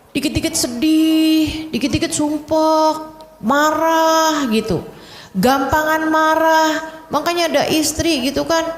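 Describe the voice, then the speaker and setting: A woman's voice: sits high, slight background noise. Chatty woman preacher in echoey hall. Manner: chatty storytelling, addresses audience directly. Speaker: Islamic preacher. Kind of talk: religious lecture in casual speech. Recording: echoey hall with long reverb.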